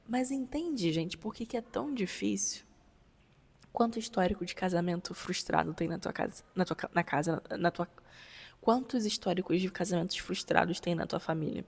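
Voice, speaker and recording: Young Brazilian woman, heartfelt testimony, creaky voice, reverberant room. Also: medium pitch, darkish tone. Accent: Brazilian Portuguese. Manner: emotional, repetitive, addresses viewers directly. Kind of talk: spontaneous personal testimony.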